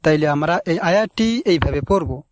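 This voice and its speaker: A man teaching recitation, stretching each word slowly and repeating it, with quicker explanations between. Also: on the high side, animated, no echo, studio quality. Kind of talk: recitation lesson.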